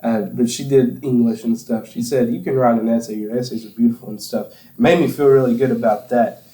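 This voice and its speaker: A man's voice: medium pitch, fairly even intonation, a little fast, warm tone, echoey room, low-quality recording. A young man from Tennessee, hosting a casual chat with friends, rambling through stories and laughing often. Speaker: podcast host.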